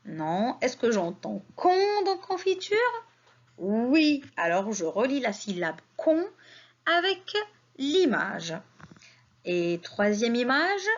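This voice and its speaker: Woman teacher, children's spelling lesson, drawn-out syllables, rising and falling voice, slightly dull audio. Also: on the high side. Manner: slow, drawn-out syllables, patient questions and answers.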